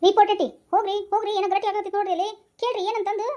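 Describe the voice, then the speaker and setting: A woman's voice: very high voice, steady tone, racing, warm tone, pitched above the performer's own voice. Woman playing a bossy North Karnataka police inspector. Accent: North Karnataka Kannada. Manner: scolding, bossy, teasing. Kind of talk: comic skit acting.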